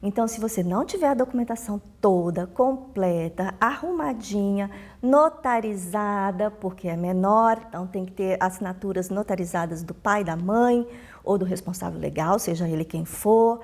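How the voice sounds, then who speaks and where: This woman speaks at a moderate pace in a mid-range, slightly mellow voice with a Brazilian Portuguese accent. Taking the role of a consular official in casual interview answers, she explains rules forcefully, comes back to her main points, and acts out the dialogues in her anecdotes.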